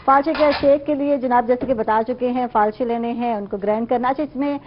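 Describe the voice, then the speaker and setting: Woman, morning show host, fairly high voice, chatty, dull studio sound with faint hiss. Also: fairly even intonation. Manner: chatty, affirming with frequent "theek hai". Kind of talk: live cooking segment chat.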